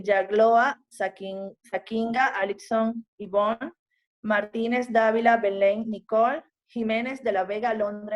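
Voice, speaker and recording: An Ecuadorian woman speaks at an unhurried, slow pace, pausing often as she introduces her group. She hesitates and fills gaps with fillers in a mid-pitched voice. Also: lo-fi sound. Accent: Ecuadorian Spanish. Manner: hesitant, with frequent fillers, reads out a list of names. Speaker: student group presenter. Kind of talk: class presentation introduction.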